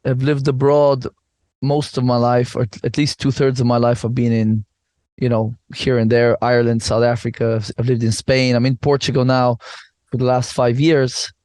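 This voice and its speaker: Guest, man in his thirties from Bulgaria, rambling, mid-pitched voice, dry sound. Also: flat delivery, moderate pace, a little mellow, dry recording. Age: 30s. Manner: rambling, many restarts and asides. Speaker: podcast guest. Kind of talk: casual interview chat.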